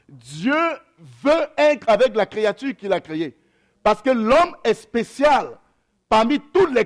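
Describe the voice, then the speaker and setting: A young adult pastor, whose first language is an African mother tongue, reads scripture slowly before moving into a sermon full of hesitations and repeated phrases. His voice is high-pitched.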